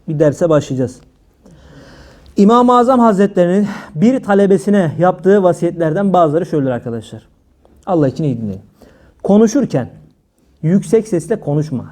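A male preacher giving a religious talk, his voice sitting high yet sounding warm and mellow. He teases his listeners with jokes between the teachings. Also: animated, moderate pace, pauses often. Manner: humorous, teasing the audience between teachings. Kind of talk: religious talk to a live audience.

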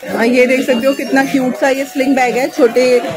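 A woman's voice: high-pitched, level tone, normal speed, over music. A woman vlogging through a busy outdoor market, chatting casually with sellers, asking prices and repeating them for viewers. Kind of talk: casual shopping vlog. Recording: loud crowd noise outdoors. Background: market crowd chatter.

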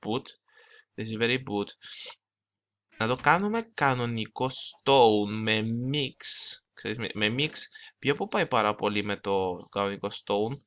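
A young man giving casual gameplay commentary, talking fast and rambling, switching into English phrases and mocking himself. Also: lowish voice, expressive, a bit bright, smooth. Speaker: gaming channel host. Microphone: desktop mic, no camera.

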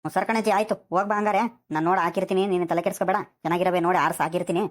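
A woman voicing a rushed, easygoing male fish seller in an animated village comedy. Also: on the low side, natural voice. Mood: hurried. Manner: rushed, pleading, fast-talking.

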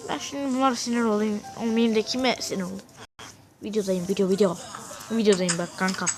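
A young gamer with a Turkish accent giving excitable, casual gameplay commentary and scolding the game characters. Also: mid-range voice, fairly quick, over music. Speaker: gaming video creator.

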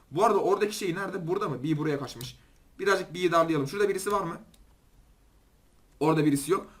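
A young man with a Turkish accent giving excitable, chatty gameplay commentary and talking straight to his viewers. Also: high voice. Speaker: gaming YouTuber.

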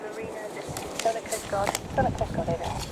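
A woman's voice: mid-range voice, fairly even intonation, brisk, very noisy. A woman working as a coast guard operator, heard over a marine VHF radio, calling a vessel with formal, clipped radio procedure. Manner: clipped, methodical call-and-response phrasing.

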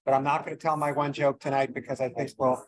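A financial advisor opens a seminar before a live audience at an event venue, speaking fast with a medium-pitched, flat delivery. His casual opening remarks ramble a bit, lean self-deprecating, and are full of fillers. The recording is low quality.

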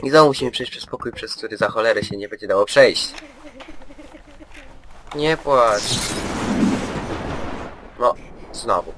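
A man's voice: lowish voice, measured pace, pauses often, a bit bright. A man commenting on his own play of a horror game, joking and chatting to the game's characters in a mock-soothing way. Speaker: gameplay commentator.

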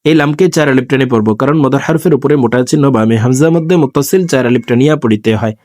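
A man teaching scripture reading who spells out each word, then chants it in a slow, drawn-out way between brisk explanations to his viewers. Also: mid-range voice, a little mellow, no echo, studio quality. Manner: addresses viewers directly. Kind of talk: spelling-out recitation lesson.

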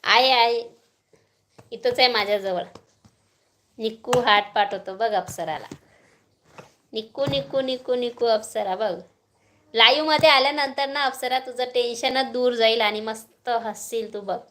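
A woman's voice: on the high side, normal speed, pauses often, fairly bright tone, a little hiss or hum. A woman with a Marathi accent chatting casually on a live stream at home, greeting viewers by name and coaxing a small child.

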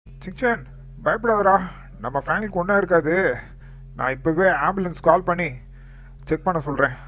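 A man narrating a role-play game story, reassuring the other characters and explaining what he sees. His voice sits slightly high with a playful lift. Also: fairly quick, fairly bright tone, poor audio.

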